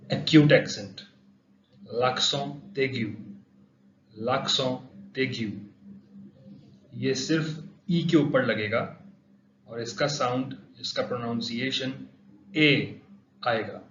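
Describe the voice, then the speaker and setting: A man's voice: medium pitch, unhurried, pauses often, slight background noise. A man teaching pronunciation, saying each example word twice for drilling. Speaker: language teacher. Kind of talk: pronunciation lesson. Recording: roomy, dull lo-fi sound.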